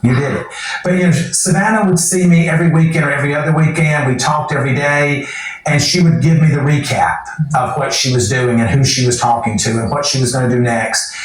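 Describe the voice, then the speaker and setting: A man's voice: on the high side, fairly even intonation, fairly quick, heavy reverb, far from the mic, rough recording. A middle-aged man telling his story as an interview guest, in a folksy, earnest way.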